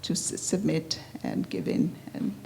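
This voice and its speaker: A woman giving a personal reflective talk at a retreat, speaking earnestly and haltingly. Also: low voice, wildly swooping pitch, creaky, warm tone, slight background noise. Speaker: retreat participant sharing.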